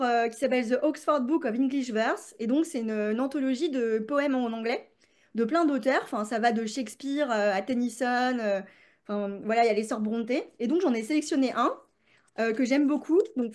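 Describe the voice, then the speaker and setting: A woman's voice: high voice, a little fast, a little mellow. A woman, a creativity coach, chatting as a podcast guest with many fillers and restarts. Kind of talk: casual podcast interview.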